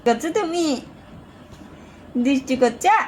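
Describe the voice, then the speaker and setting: A woman's voice: high-pitched, expressive, unhurried, darkish tone, slight background noise, poor audio. A young woman at home doing cooing, sing-song baby talk with her infant niece, playfully scolding her. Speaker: aunt playing with a baby niece.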